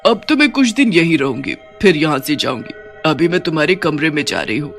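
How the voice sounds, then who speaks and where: A woman's voice: sits low, sing-song, brisk, creaky, fairly bright tone, soft background music, exaggerated voice. A woman voicing a greedy, bossy female witch in a cartoon story, cackling and threatening. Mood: gleeful.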